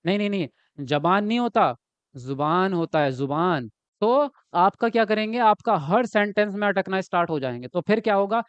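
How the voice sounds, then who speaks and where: A man's voice: high-pitched, smooth, no echo, muffled recording. A man teaching an online exam-prep class, explaining step by step, asking questions and answering them himself, and reading out viewer comments. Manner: reads viewer comments aloud and talks to them. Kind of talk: live online class lecture.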